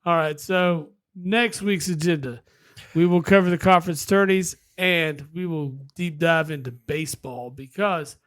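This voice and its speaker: A man's voice: fairly high pitch, measured pace, fairly bright tone, dry recording, clean studio sound. A man co-hosting a casual sports podcast, brash and swearing freely as he rattles off predictions. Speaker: podcast co-host.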